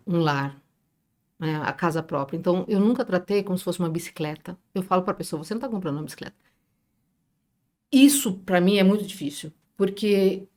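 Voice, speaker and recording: Middle-aged Brazilian woman, São Paulo accent, expressive podcast guest who acts out quotes and jokes. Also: on the low side. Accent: Brazilian Portuguese, São Paulo area. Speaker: real estate business owner, podcast guest. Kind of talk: emotional storytelling in a podcast interview.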